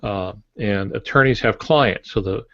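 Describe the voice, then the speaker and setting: A veteran author in his sixties, serving as a podcast panelist, explains things over a video call from his home office, talking into earbuds. His fairly low, fairly bright voice moves at a measured pace with no room sound. The video-call audio is dull and compressed.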